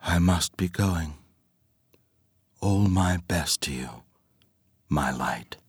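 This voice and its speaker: Woman putting on a deep seductive courtly man. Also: expressive, husky, dry recording, studio quality, exaggerated voice. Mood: soft seductive. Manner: soft, slow and formal.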